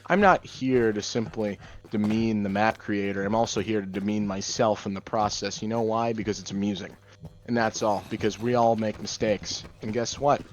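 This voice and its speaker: A young man with a somewhat low voice talks over a game in a dry, monotone delivery. He rambles from thought to thought with deadpan, pseudo-philosophical musings, keeping his tone flat throughout. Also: moderate pace, highs cut off. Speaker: gaming channel host. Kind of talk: rambling gameplay commentary.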